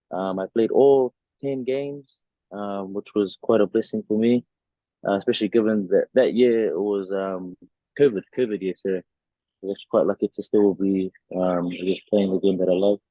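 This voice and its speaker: A man's voice: lowish voice, no room sound. A young man from New Zealand, a rugby player answering interview questions casually with lots of fillers over a video call. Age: young adult. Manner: relaxed, many fillers and restarts. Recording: dry tinny video call audio.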